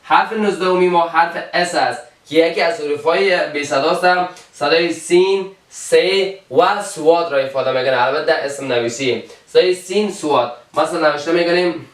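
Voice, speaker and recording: Male teacher with an Afghan Dari accent, slightly high, patient and repetitive, mic set back in an echoey room. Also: fairly bright tone. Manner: slow, repeats each example word. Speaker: English teacher. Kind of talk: alphabet pronunciation lesson. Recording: roomy, from a distance.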